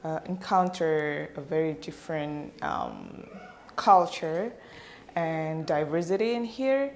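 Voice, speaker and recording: A woman's voice: fairly low pitch, darkish tone. A woman from Indonesia answering interview questions after a workshop, hesitant and full of fillers. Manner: halting, many fillers. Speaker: workshop participant.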